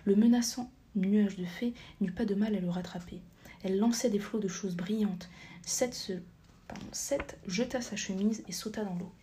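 A woman narrating a story as a whispered audiobook reading, soft and half-whispered, with occasional slips she corrects. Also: mid-range voice, moderate pace, a little hiss or hum.

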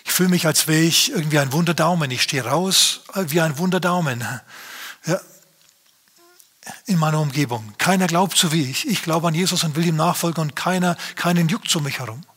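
A man's voice: a little high, a little fast, fairly bright tone, husky. A man preaching a sermon as pastor, speaking earnestly and straight to his listeners.

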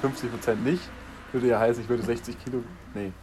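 A young man co-hosting a podcast in casual chat, relaxed and offhand, joking with his friend. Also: mid-range voice, brisk, a little hiss or hum. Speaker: podcast co-host.

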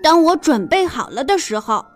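A woman's voice: high-pitched, sing-song, moderate pace, soft background music. A woman voicing an impatient, grumbling old aunt who loves her garden, in a children's storybook reading. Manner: complaining, impatient.

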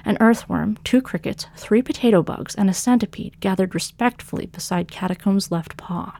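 A woman, the author and narrator of a fiction podcast, reading her own story in a measured way that slows for dramatic lines. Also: mid-range voice, gravelly, darkish tone.

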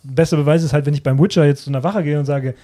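A man chatting on a podcast, rambling excitedly and acting out quoted characters. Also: on the high side, very fast. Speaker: podcast co-host. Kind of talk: casual chat.

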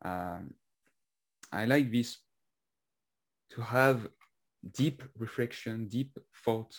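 A man with a French accent interviewing a guest, speaking haltingly with many fillers and restarts. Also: mid-range voice. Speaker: interviewer and author. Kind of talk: casual conversational interview.

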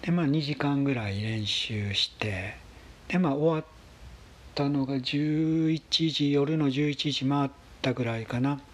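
A man with a husky voice, telling a story in a casual, polite monologue with gentle pauses. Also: medium pitch. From Kansai, Japan. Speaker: solo talk show host.

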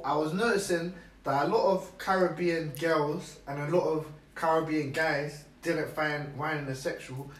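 A young man with a London roadman accent, chatting casually in street slang. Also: on the high side. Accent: London roadman (Multicultural London English). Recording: echoey room, distant mic, faint noise.

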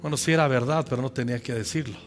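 A Mexican man in his fifties, a pastor telling a personal story in a sermon, lively and humorous, speaking directly to his congregation. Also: mid-range voice, rapid-fire. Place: church. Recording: echoey church hall with soft music behind.

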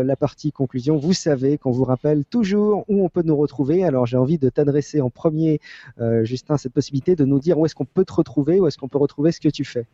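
A man from France hosting a podcast, steering the talk in a relaxed, polite way; the audio is slightly muffled. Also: fairly high pitch, no room sound. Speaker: podcast host.

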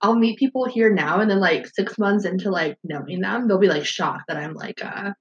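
A woman's voice: medium pitch, moderate pace, muffled recording, a little hiss or hum. A young woman from Wisconsin, chatting casually on a podcast and saying "like" often. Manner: chatty, says "like" a lot, laughs often. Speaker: podcast guest. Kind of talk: casual chat.

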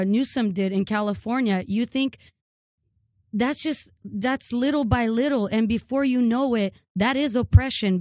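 A woman's voice: a little high, darkish tone, no room sound. Earnest Ukraine-born woman, dry close mic. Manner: earnest, frequent fillers and restarts. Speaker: guest. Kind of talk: casual interview.

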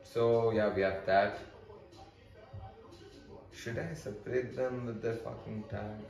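A man's voice: lowish voice, fairly even intonation, slow, gravelly, darkish tone. A young man with an Indian accent talks casually and swears freely while reading out card stats. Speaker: vlogger. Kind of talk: casual card-opening commentary. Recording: echoey room.

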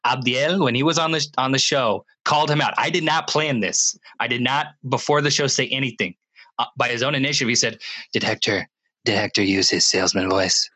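A young man co-hosting a podcast, telling animated stories, acting out other people's voices and laughing often. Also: mid-range voice, fairly quick. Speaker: podcast co-host. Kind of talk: casual storytelling chat.

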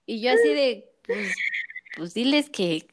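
A woman's voice: on the high side, huge pitch swings, slow. A woman with a Mexican Spanish accent, a mother, telling a story in casual podcast chat, full of slang. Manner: chatty storytelling with slang, acts out quoted voices. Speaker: podcast co-host.

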